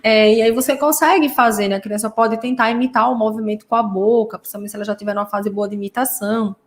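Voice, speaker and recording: A woman's voice: a little high, steady tone, fast talker. Playful Brazilian woman acting out sounds. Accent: Brazilian Portuguese. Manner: playful, acts out sound effects, frequent tag questions. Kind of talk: casual teaching talk to parents.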